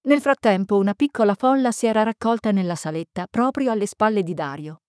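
A woman narrating a mystery novel in a measured, suspenseful reading. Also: medium pitch, darkish tone, no echo, studio quality. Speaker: audiobook narrator. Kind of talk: scripted narration.

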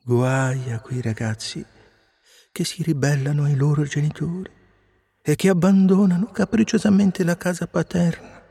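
A man voicing a patient, wise old cricket in a storybook reading, speaking slowly, calmly and gravely. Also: a little high, big-room sound, pitched above the performer's own voice. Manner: slow, calm, grave and preachy.

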